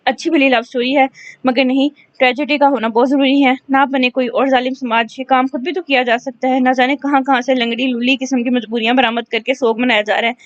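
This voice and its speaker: Fiery sarcastic young woman, high-pitched and blunt, read by a woman narrator; dull lo-fi sound. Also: level tone, a little fast, dry recording, lightly acted. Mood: angry scolding. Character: hot-tempered outspoken young woman friend. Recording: dull lo-fi recording.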